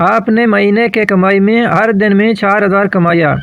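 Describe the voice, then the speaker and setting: A man's voice: sits high, fairly even intonation, fairly bright tone, muffled recording. A man explaining a simple math method step by step in a patient lesson, working through examples. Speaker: math teacher.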